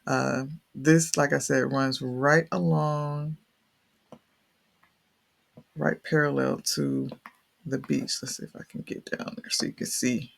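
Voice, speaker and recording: Gravelly man with thick Southern accent. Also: medium pitch, level tone, slow pace, long pauses. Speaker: real estate video host. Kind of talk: casual unscripted map tour commentary.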